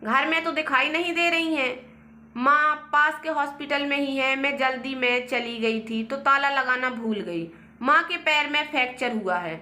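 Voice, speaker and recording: A woman's voice: high-pitched, moderate pace, bright, forceful tone. A woman playing a defensive weary sister-in-law.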